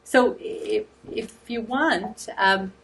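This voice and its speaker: A woman's voice: mid-range voice, drawn-out words, creaky, a bit bright, low-quality recording. A woman facilitating a retreat discussion, inviting the group to share in a tentative, open way.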